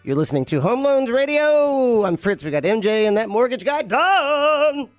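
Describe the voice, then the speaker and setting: A man's voice: very high voice, moderate pace, dry recording, soft background music. A man co-hosting a radio show and running the board, reading the station's text number and plugs in a playful way. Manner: playful, lively announcer delivery. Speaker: radio co-host, board operator. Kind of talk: casual radio talk. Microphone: studio microphone.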